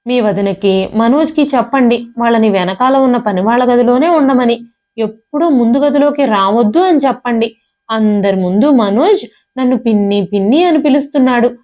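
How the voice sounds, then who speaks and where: Brief: woman reader playing a haughty young wife, sharp and contemptuous, pitched up from her narration. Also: normal speed, lightly acted. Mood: complaining. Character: scornful proud young wife, cold to in-laws.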